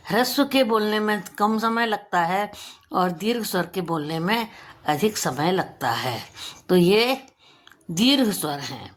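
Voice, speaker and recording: A woman teacher giving a pronunciation lesson for children, stretching out example words slowly and deliberately. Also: mid-range voice. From India.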